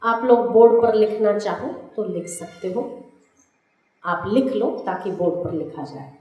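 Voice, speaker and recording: A woman, a spiritual teacher giving a religious discourse to an audience, slow and didactic, repeating lists so listeners can write them down. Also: medium pitch, highs cut off. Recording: very echoey hall.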